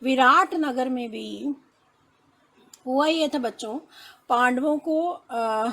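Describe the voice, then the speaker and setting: A woman's voice: high-pitched, a bit bright. A woman teacher reading Sanskrit lines one by one and explaining each in Hindi to her students. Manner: reads a Sanskrit line, then explains it slowly in Hindi, addressing students as children. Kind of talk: line-by-line Sanskrit translation lesson.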